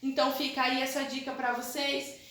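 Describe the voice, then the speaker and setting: A Brazilian Portuguese-accented primary school teacher records a video lesson for young kids, her high, fairly bright voice completely flat, with a little hiss or hum. She explains slowly and patiently, drawing out syllables and frequently adding "tá?" and "né?". The room is very echoey.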